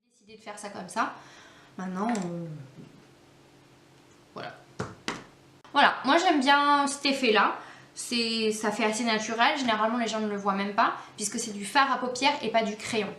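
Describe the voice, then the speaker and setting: A woman's voice: fairly high pitch, normal speed, pauses often, fairly bright tone, a little hiss or hum. A woman giving a casual makeup tutorial, chatty and hesitant, with many fillers. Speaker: beauty vlogger. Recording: echoey room, faint background music.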